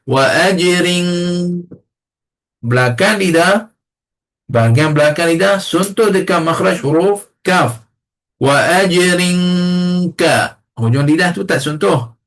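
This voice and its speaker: A man leads a Quran recitation lesson, chanting verses and then breaking down each sound. His voice sits fairly high. He speaks slowly and deliberately. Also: animated, fairly bright tone. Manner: recites slowly then corrects pronunciation plainly. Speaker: tajwid teacher.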